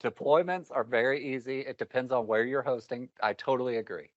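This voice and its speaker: A man presents to a live meetup audience, wandering through his points with a wry, candid humor. His voice sits at an ordinary pitch. The recording is dry and a little muffled. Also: brisk, no echo. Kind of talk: technical talk to a live audience.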